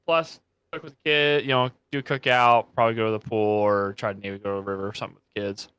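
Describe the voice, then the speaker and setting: A man's voice: medium pitch, level tone, quick pace, fairly bright tone, smooth, no room sound. A man co-hosting a podcast in casual chat, teasing and blunt, swearing freely. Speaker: podcast co-host.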